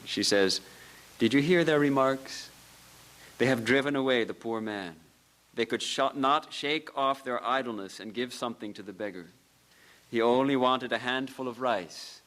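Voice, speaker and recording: In a temple hall, a male monk of a religious order delivers a lecture at medium pitch, telling stories punctuated by soft laughs and earnest, repeated phrases.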